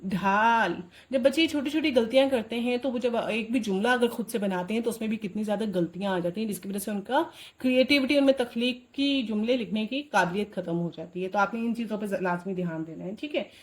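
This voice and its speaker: A woman teaching parents a writing activity for children. She keeps asking a quick "okay?" and says sample words slowly and firmly, repeating them. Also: a little high. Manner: checks in often with a rising question. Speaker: homeschooling mom teaching Urdu writing. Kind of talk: instructional tutorial addressing parents.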